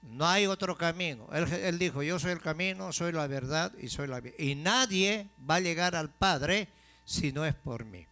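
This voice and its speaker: A man preaches to his congregation in a fairly high voice. He pauses on questions for them to answer and slows down to stress the key words. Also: expressive, bright, forceful tone. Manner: call-and-response questions to the congregation; emphatic preaching, slowing for key phrases. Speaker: pastor. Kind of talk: sermon.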